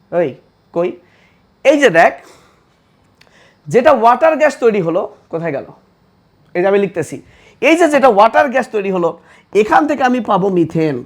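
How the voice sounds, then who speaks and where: A man from Bangladesh teaching a chemistry class, repeating key facts again and again in an energetic lecture style. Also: high-pitched. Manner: energetic, repetitive drilling of facts.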